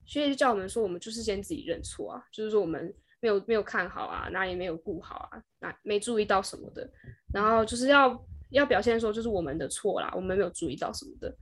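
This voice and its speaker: A young woman with a Taiwanese Mandarin accent, co-hosting a podcast and telling a story in an animated way, briefly acting out the people in it. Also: medium pitch, fast talker, slight background noise. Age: young adult. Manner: animated storyteller who briefly acts out kids and parents. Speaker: podcast co-host. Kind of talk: casual chat.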